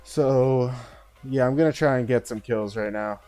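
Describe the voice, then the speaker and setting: A man's voice: medium pitch, normal speed, warm tone, clear, resonant tone, soft background music. A man giving casual live commentary as he streams a game, thinking aloud and often tagging on "uh" and "right?".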